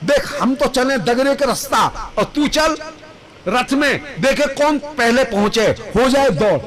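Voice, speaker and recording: A man's voice: very high voice, lively intonation, takes it slowly, full character voice. A man voicing a group of cheeky young cowherd boys challenging their friend to a race during a devotional storytelling sermon. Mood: playful. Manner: playful, challenging.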